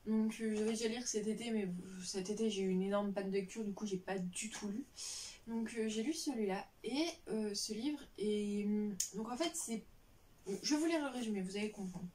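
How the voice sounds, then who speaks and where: A woman's voice: mid-range voice, normal speed, a little mellow, recorded from a distance. A young woman chatting casually about books on a vlog, rambling with lots of fillers and restarts. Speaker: book vlogger. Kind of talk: casual chat.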